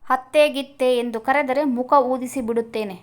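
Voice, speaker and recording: A woman voicing a worried, sharp-tongued older village mother-in-law in a storybook reading. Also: high voice, fairly even intonation, normal speed, lightly acted. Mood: quarrelsome. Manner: scolding, fussy.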